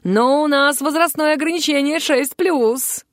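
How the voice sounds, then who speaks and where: A woman doing an excitable male theatre director. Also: high-pitched, a little slow, dry recording, clean studio sound, pitched above the performer's own voice. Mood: sarcastic.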